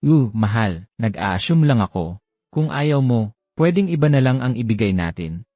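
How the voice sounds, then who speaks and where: A man's voice: medium pitch, normal speed, dry recording, highs cut off, lightly acted. A man dubbing a drama, playing a young husband who playfully coaxes and teases his wife. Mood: sheepish. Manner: playful, coaxing, lively. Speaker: dubbing actor. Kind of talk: dubbed drama acting.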